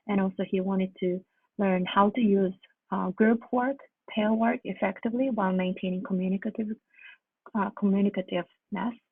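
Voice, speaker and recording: A graduate student gives an academic presentation in a husky, medium-pitched female voice. Her delivery is halting and hesitant, with phrases repeated. The line sounds muffled and phone-like, with a roomy echo.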